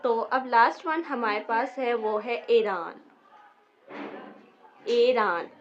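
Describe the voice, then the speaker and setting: Female teacher, fairly high voice, very slow and patient, spells out syllables one by one. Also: highs cut off. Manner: repeats each word slowly, spelling it out syllable by syllable. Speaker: language teacher. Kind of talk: slow beginner vocabulary lesson.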